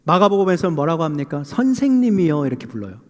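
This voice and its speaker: Male pastor with a high voice, sermon delivery, heavy hall reverb. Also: moderate pace. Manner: poses rhetorical questions to the congregation; dramatizes Bible quotes in lively voices. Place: church sanctuary. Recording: long reverb of a church hall.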